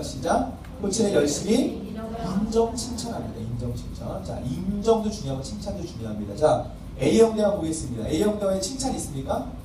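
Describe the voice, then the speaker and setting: A man, a pastor, teaching a parenting workshop at church, quizzing the audience and acting out parent-child dialogues. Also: sits high. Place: church welfare hall classroom. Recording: distant mic in a reverberant hall with faint noise.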